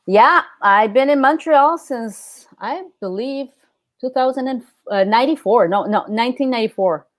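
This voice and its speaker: A woman's voice: on the high side, moderate pace, no room sound. Hesitant middle-aged woman from El Salvador. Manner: hesitant, many fillers and restarts. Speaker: guest. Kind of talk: casual interview.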